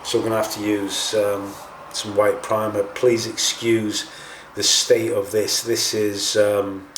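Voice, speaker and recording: Male hobby tutorial host, lowish pitch, informal and hesitant, picked up from a distance with faint noise. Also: level tone, takes it slowly, echoey room. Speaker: host of a scale model painting tutorial. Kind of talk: casual hands-on tutorial talk.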